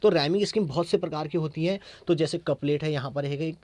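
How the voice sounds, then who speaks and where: Man, Indian accent, English teacher, classroom lesson, fairly high voice, dry close sound. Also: a little mellow, dry recording. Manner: repetitive, checks understanding with short questions; reads English verses slowly and deliberately.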